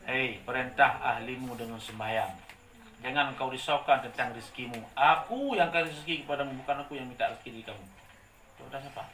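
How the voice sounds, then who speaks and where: A male preacher giving a lively sermon, asking the congregation to complete his sentences. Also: mid-range voice, fast. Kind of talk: sermon with call-and-response. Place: hall with a gathered congregation. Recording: echoey room, distant mic, faint noise.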